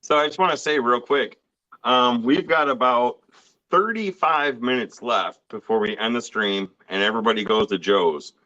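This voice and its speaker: A man making a slow, halting announcement on a live stream. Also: mid-range voice, sharp tone, dull audio.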